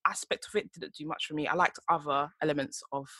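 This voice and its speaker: A woman's voice: low-pitched, quick pace, breathy edge. A young woman, chatting casually and animatedly as a podcast co-host. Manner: animated, fillers like "do you know what I mean". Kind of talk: casual chat.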